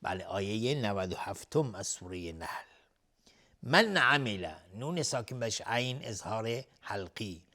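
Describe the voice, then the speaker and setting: A man teaching the rules of Quran recitation. He chants each verse slowly and melodically, then explains the rules in quick, plain speech. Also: fairly low pitch, expressive, pushed and bright.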